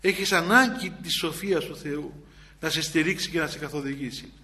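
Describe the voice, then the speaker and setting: A man's voice: fairly high pitch, bright, forceful tone. A man, an Orthodox priest, preaching a spiritual sermon in a plain conversational way, repeating phrases for emphasis and often hesitating and restarting. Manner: chants psalm verses in an older liturgical register.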